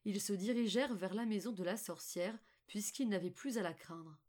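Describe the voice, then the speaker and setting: A woman reading a fairy tale aloud as an audiobook narrator, in a calm and measured way. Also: medium pitch. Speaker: audiobook reader. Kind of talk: storybook narration.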